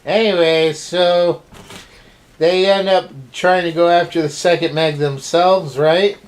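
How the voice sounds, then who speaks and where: A woman's voice: lowish voice, fairly even intonation, slow, a little mellow, a little hiss or hum. A woman in a casual movie review who recaps the plot and quizzes her partner with questions.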